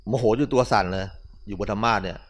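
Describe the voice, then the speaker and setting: Male monk, lowish voice, casual storytelling sermon, chatty asides. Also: fast. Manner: relaxed, conversational, with colloquial asides. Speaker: Buddhist monk giving a dharma talk.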